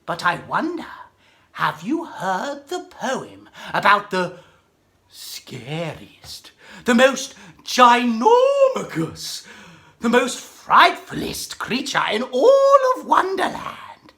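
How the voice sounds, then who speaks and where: A whimsical, excitable storybook hatter, performing for children in a theatrical way. The pitch sits fairly high and swoops wildly, and the delivery takes its time with exclamations and direct asides to the listeners. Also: female voice, slow, exaggerated voice. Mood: mock scared, confiding. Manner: whimsical, exclamatory, giggles at own jokes, chatty with audience. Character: zany, giggling, excitable Mad Hatter telling silly jokes. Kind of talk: theatrical children's character monologue and poem recital.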